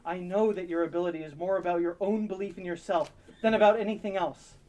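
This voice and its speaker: A woman's voice: fairly low pitch, fairly even intonation, fast talker, warm tone, lo-fi sound, natural voice. A woman playing a doting, dorky single dad, earnest and sentimental, in an improvised comedy audio drama. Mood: earnest urging. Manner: earnest, sentimental pep talks.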